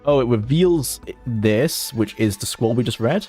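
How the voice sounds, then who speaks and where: A man's voice: mid-range voice, animated, unhurried, a little mellow, breathy edge, soft background music. Man casually commenting on gameplay. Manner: chatty, amused, thinking aloud. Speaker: streamer.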